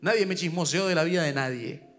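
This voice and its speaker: A male pastor with a Paraguayan Spanish accent, preaching a sermon at a church service, swinging from loud urgent calls to hushed asides. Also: a little high, fast talker, faint music behind.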